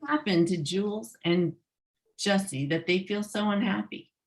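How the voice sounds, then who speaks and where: A woman's voice: mid-range voice, measured pace, poor audio. A woman reading her children's book aloud on a video call, adding short explaining asides.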